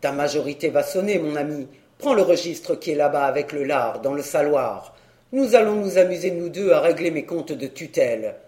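A reader voicing a gruff, swearing old country squire in an audiobook, speaking loud and boastful. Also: medium pitch, lively intonation, normal speed, pitched below the performer's own voice, close to an everyday voice. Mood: gruff, teasing. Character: blustering old Breton country squire, the uncle. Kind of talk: audiobook character voice.

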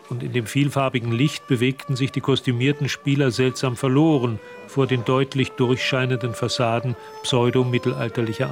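A male actor with a medium-pitched voice reads scripted prose as the composed narrator of a literary radio drama, performing it lightly.

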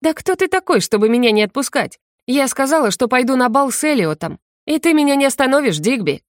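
A woman's voice: fairly high pitch, lively intonation, brisk, no room sound, voice pushed up, natural voice. A proud young sorceress, voiced by a woman reading aloud, bristling and indignant, always near tears. Her voice sits well above the reader's own. The recording is dry and close. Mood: furious. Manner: sharp, indignant, on the edge of tears. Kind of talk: audiobook character reading.

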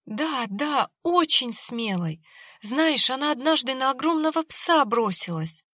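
A woman's voice: high-pitched, expressive, unhurried, pushed and bright, no echo, studio quality, voice pushed up, heavily acted. A woman voicing a plump middle-aged woman who is crying and wailing over her lost dog. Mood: tearful, proud. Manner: tearful, wailing.

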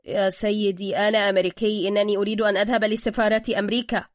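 A woman's voice: mid-range voice, flat delivery, quick pace, dry recording, clean studio sound, close to an everyday voice. A woman voicing an irritated American tourist man who speaks in stiff formal phrases.

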